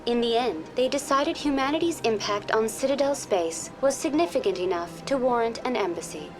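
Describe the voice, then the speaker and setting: A woman voicing a courteous virtual intelligence guide in a science fiction game, formal, measured and impersonal. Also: a little high, expressive, music in the background, close to an everyday voice. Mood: polite, composed. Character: courteous female virtual intelligence tour guide on a space station. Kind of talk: scripted informational game dialogue.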